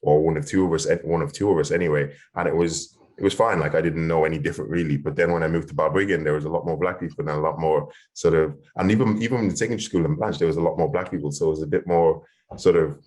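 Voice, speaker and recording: Very deep-voiced young man. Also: steady tone, fast talker, darkish tone. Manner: hesitant, lots of "like" and restarts. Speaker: panelist. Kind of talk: casual conversation.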